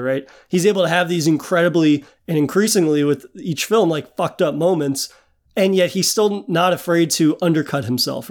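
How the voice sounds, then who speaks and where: A young man with a fairly high voice talks through a film in a relaxed chat. He thinks aloud in long, winding sentences padded with fillers and asides. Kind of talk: casual film discussion.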